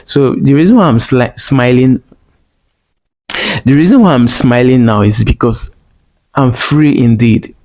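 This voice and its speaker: A man's voice: medium pitch, measured pace, pauses often, darkish tone. A man telling a personal story in a vlog, earnest and emotional, repeating phrases and speaking straight to viewers. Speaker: vlogger.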